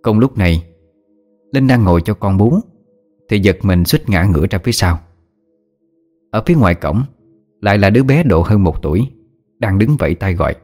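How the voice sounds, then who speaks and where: A man narrating a horror story in a steady, measured storytelling voice. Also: on the low side, soft background music.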